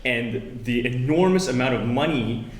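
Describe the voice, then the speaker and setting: A man, speaking on a university panel as a human rights lawyer, halting and full of fillers and restarts. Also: medium pitch. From born in Hong Kong, raised in Toronto. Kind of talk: panel talk. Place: university roundtable room. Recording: echoey room with faint ambience.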